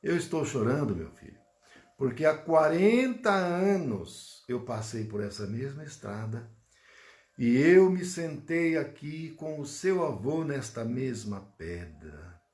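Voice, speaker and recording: An old father full of regret, put on by a man telling a story. He speaks softly and slowly in a Brazilian Portuguese accent. The sound carries the echo of a roomy hall. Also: medium pitch, sing-song. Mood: regretful.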